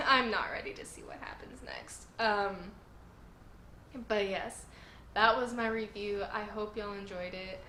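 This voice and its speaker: A woman with a sore throat hosts a channel reviewing manga chapters, gushing in an earnest, emotional way, her strained voice sitting in the mid range. She speaks at a measured pace in this casual video review, recorded in a reverberant space with background noise.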